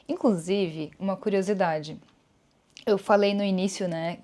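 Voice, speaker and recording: A woman's voice: mid-range voice, mellow. A woman from Brazil hosting her own podcast, talking casually and reflectively to her listeners and acting out bits of inner dialogue. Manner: chatty and reflective, calls listeners "gente", acts out inner dialogue. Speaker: podcast host. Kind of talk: casual solo podcast talk.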